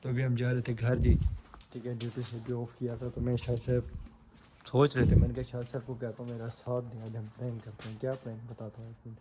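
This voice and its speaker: A man's voice: mid-range voice, completely flat delivery. Chatty man vlogging on a noisy street. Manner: chatty, upbeat, addresses viewers directly. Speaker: vlogger and channel host. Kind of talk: casual vlog chat. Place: outdoors on a street at night.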